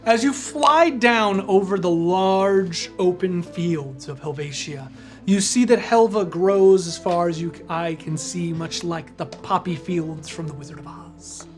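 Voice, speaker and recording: A man narrating a tabletop role-playing game as game master, in measured, descriptive narration. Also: high-pitched, soft background music. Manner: measured, descriptive narration with self-conscious asides.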